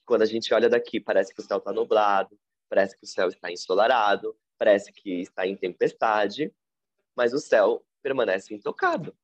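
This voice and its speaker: A man with a Brazilian Portuguese accent, a podcast guest telling a personal story in a reflective, animated way. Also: brisk, no echo. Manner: animated, reflective storyteller with big pitch swings.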